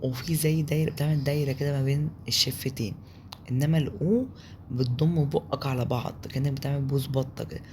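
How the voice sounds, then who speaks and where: Low-voiced Egyptian woman drilling letters. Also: steady tone, darkish tone, slight background noise. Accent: Egyptian Arabic. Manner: slow repetitive letter drilling. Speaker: German teacher. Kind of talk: spoken language lesson.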